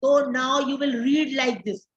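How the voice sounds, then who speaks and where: Indian woman teacher, high voice, slow deliberate delivery, repeats terms for students; dull lo-fi classroom recording. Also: fairly even intonation. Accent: Indian English. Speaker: teacher educator. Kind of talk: classroom lecture.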